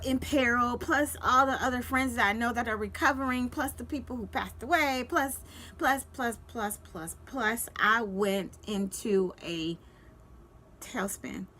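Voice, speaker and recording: A woman, telling an emotional personal story to camera, earnest and repetitive, her voice dropping to a hush at times. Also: on the high side, slight background noise. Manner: repetitive, earnest, at times hushed and tearful in retelling. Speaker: vlogger and realtor.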